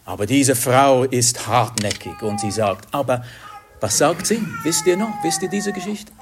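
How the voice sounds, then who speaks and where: A man's voice: mid-range voice, animated, slight background noise. A man preaching a sermon in an earnest way, sometimes hunting for the right word. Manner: slow, earnest, searching for words at times.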